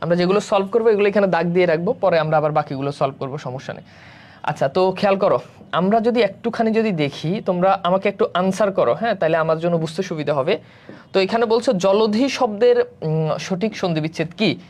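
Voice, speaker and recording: A man's voice: sits high, fairly quick, darkish tone. A man teaching a live online exam-prep class. He explains each answer step by step, often checks in with his students, and mixes English words into his speech.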